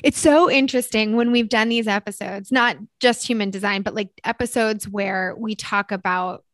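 A woman's voice: mid-range voice, steady tone, moderate pace, a bit bright, dry recording, studio quality. A woman co-hosting a podcast, talking in an effusive, chatty way in casual conversation. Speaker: podcast co-host.

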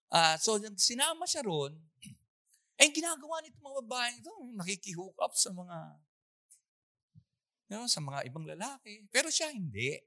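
A preacher telling a story in a sermon, acting out the scenes with animation and clearing the throat often. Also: mid-range voice, sing-song, normal speed, long pauses, pushed and bright, no room sound, clean studio sound.

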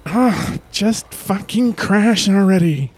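A man's voice: a little high, sing-song, slow pace, mellow, breathy edge, voice pushed up, full character voice. A man voicing an impatient, crude young woman who swears in a raised, pushed-up voice. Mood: exasperated. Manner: exasperated, swearing.

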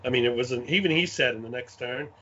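A man with a Brooklyn accent chatting casually in an animated, rambling way, often repeating his phrases. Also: mid-range voice, quick pace, a little hiss or hum. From Brooklyn, New York. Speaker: guest, game scenario designer. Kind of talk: casual chat, anecdotes. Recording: dull lo-fi audio.

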